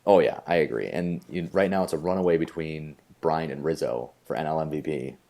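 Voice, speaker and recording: A man's voice: extremely low pitch, a little fast, gravelly, warm tone. A young man co-hosting a podcast, chatting eagerly about baseball with lots of fillers. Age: young adult. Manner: enthusiastic, rambling baseball talk with many fillers. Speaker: podcast co-host. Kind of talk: casual chat.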